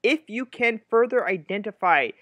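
A man's voice: sits high, expressive, normal speed, a bit bright, no echo, highs cut off. A young man explaining his finds in an earnest recap voice-over recorded at home. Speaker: metal detecting vlogger. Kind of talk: voice-over narration. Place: home room.

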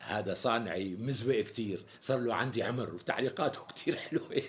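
An actor playing a smooth-talking, evasive tailor in a TV sketch comedy, speaking with a Damascene Arabic accent and chuckling salesman patter. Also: on the low side, fast talker, a little hiss or hum, close to an everyday voice. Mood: sweet-talking. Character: smooth-talking flattering middle-aged male tailor.

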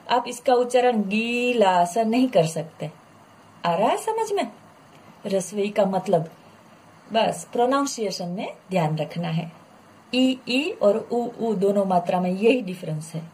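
A woman's voice: fairly high pitch, darkish tone. A woman teaching a children's lesson online, patiently explaining and drawing out model pronunciations, with English words mixed in.

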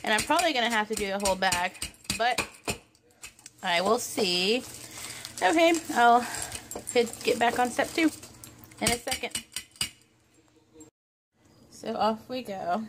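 Woman rambling through a kitchen cooking vlog, lots of um and like, kinda gravelly voice. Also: fairly high pitch, expressive, measured pace, long pauses, noisy background. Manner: rambling, full of fillers and self-corrections. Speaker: home cook vlogger. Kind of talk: casual home cooking vlog. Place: home kitchen.

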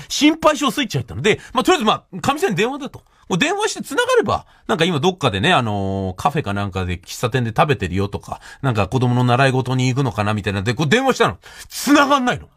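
A man's voice: a little high, wildly swooping pitch, fast talker, hardly any pauses, a bit bright, no echo, clean studio sound. A man hosting a radio show, telling a comic story in a solo monologue, laughing often and acting out the voices he quotes.

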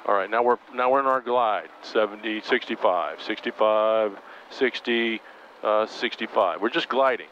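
A flight instructor with a lowish voice coaches a student pilot in a helicopter cockpit at a moderate pace. His short, calm, coaxing commands come over an aviation headset intercom, sounding muffled against engine noise.

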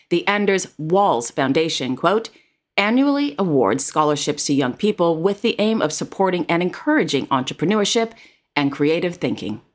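Woman, royal news narrator, formal read, slightly low pitch. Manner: formal, reads titles and quotes carefully.

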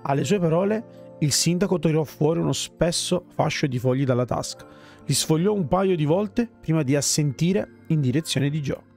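A man reading a fantasy game's story text aloud at a steady pace. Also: fairly high pitch, moderate pace, gravelly, faint music behind. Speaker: gamer reading game text.

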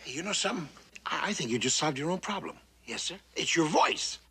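An actor playing a jovial, brawny middle-aged navy commander who chuckles often, in a 1960s sitcom. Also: male voice, fairly high pitch, lively intonation, fairly quick, vocal fry, bright, forceful tone, slight background noise, full character voice. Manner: hearty, chuckling, folksy. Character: jovial brawny male PT boat skipper.

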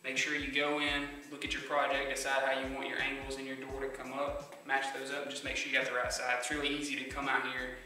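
A man presenting a casual woodworking how-to in a plainspoken, steady way with frequent ums, his voice carrying a big hall-like echo. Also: medium pitch, quick pace, hardly any pauses. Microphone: phone camera mic. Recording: very echoey phone audio from a distance, loud music behind.

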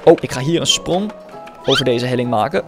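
A man giving energetic Roblox gameplay commentary, swinging between loud exclamations and quieter asides. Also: medium pitch, brisk. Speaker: gaming YouTuber. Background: game music.

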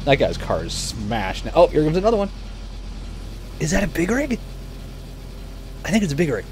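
Male game streamer, live commentary, excitable and laugh-prone, wildly swooping slightly high voice. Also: moderate pace, background noise. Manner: excitable, laughs often, exclaims at the screen.

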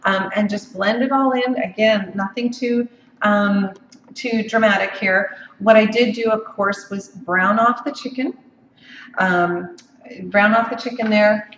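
In a home office kitchen, a woman hosts a chatty live cooking demo full of ums and restarts. She speaks at a medium pitch, a little slowly, with fairly even intonation and a slightly bright tone. The distant mic picks up an echoey room and slight background noise.

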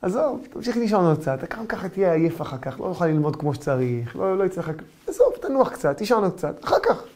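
A man's voice: sits high, big pitch swings, a little mellow. A man voicing a male evil inclination that wheedles a sleeper into staying in bed. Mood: coaxing. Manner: soothing, wheedling persuasion.

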